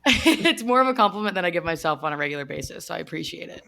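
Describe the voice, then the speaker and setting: A woman's voice: on the low side, lively intonation, rapid-fire, creaky, pushed and bright. A woman who is a guest on a casual podcast, playful and giggly.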